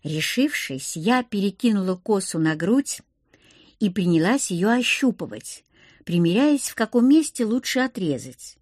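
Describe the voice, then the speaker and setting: A woman narrating a first-person audiobook with expressive, lively inner monologue. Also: medium pitch, measured pace, no room sound, clean studio sound. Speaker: audiobook reader.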